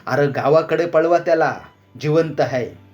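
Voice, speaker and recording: A man voicing a commanding village schoolmaster who gives brisk orders. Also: on the high side, darkish tone, dull audio, soft background music, natural voice. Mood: urgent.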